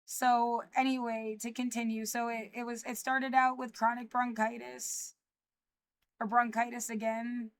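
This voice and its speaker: An anxious woman in her mid-thirties rambles in a personal livestream, speaking straight into her phone or webcam and frequently stopping and starting over. Her slightly high voice has a flat, somewhat slow delivery. The sound is close and dry, with no room behind it.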